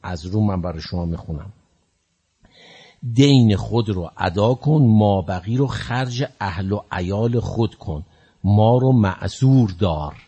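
A man doing a calm, firm holy leader. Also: on the low side, breathy edge, muffled recording. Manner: firm, measured instructions.

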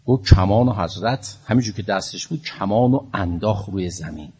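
A man preaching a religious sermon with a husky, fairly low voice. He tells the story in a lively way and builds up to passionate appeals.

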